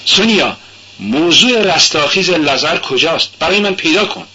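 A man's voice: on the high side, expressive, bright, forceful tone, a little hiss or hum, voice pushed up, full character voice. A man voicing a tormented young man who speaks curtly and insistently, as a character in an audiobook. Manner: curt, demanding, feverish. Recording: dull lo-fi recording.

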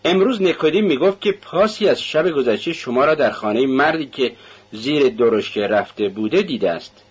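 A man voicing an affable, probing male investigator who talks with smooth, excessive courtesy. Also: mid-range voice, expressive, pitched above the performer's own voice. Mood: courteous. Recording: dull lo-fi radio recording.

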